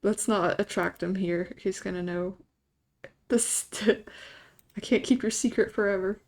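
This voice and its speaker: A woman's voice: mid-range voice, fairly even intonation, unhurried. A young adult woman streamer casually chatting with her viewers, laid-back and often breaking into giggles. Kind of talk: casual live-stream chat.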